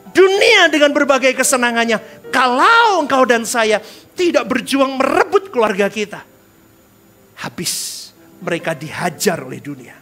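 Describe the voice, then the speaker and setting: A male pastor giving a lively sermon in church, joking with the congregation and calling for responses, dropping in English words. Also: very high voice. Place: church service before a congregation.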